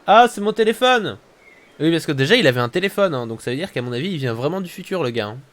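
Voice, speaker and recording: A man's voice: medium pitch, expressive, racing. A man giving casual let's-play commentary with joking, offhand asides. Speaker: gaming streamer.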